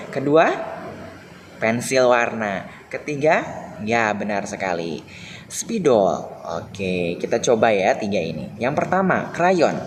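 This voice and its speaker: Cheerful man teaching young children. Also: fairly low pitch. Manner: slow, drawn-out and cheerful, acts out example sentences. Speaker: primary school teacher. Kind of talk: recorded online lesson for young children. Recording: noisy home recording.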